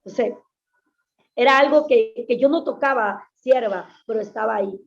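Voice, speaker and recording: A woman's voice: fairly high pitch, moderate pace, vocal fry. A woman pastor giving an earnest, emphatic personal testimony in an interview, often repeating her phrases. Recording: dull lo-fi sound.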